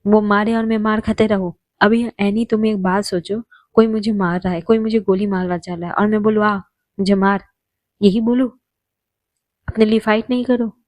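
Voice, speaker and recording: A fierce young woman with a short temper and a steady mid-range voice, as a woman storyteller puts her on. She bursts out in anger, then goes soft and tender with her partner. The sound is dry and close, with no room around it. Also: medium pitch, moderate pace, no room sound, lightly acted. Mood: defiant.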